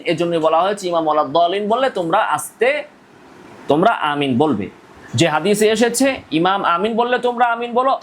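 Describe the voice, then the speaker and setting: A male Islamic scholar from Bangladesh delivers a combative religious lecture in a notably high voice. He hammers his points with rhetorical questions and repeats phrases for emphasis. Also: poor audio.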